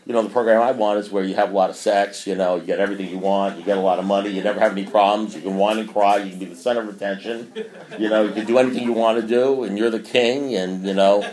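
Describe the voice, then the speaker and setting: His voice is fairly low and a little mellow, with fairly even intonation, and he talks fast. A man in his sixties, he delivers a preachy, rambling, self-mocking talk at a recovery meeting in a meeting room that echoes.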